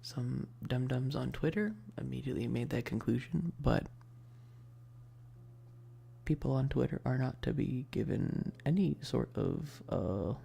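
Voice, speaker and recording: In an unhurried, medium-pitched voice, a soft-spoken ASMR livestreamer chats casually, breathy and often down to a whisper. Her talk drifts and falters in a self-deprecating way, with a little hiss or hum underneath.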